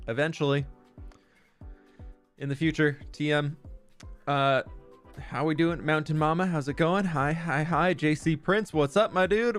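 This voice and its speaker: A man's voice: fairly high pitch, a bit bright. Chatty young man streaming casually. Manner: upbeat, chatty, greets viewers by name. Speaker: live streamer. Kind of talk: casual live-stream chat while gaming. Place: room at home.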